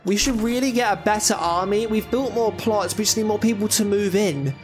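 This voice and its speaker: A young man with a high, bright-sounding pitch chats through a game as he plays it, thinking aloud and tossing out jokey asides. Faint game music sits quietly behind his voice. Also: fairly quick. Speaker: gaming YouTuber. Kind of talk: casual let's-play commentary.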